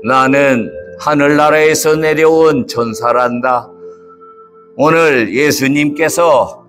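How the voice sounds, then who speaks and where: A man voicing a kindly angel from heaven, speaking slowly and soothingly like a father, in a church puppet show. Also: a little high, a bit bright, soft background music. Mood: gentle.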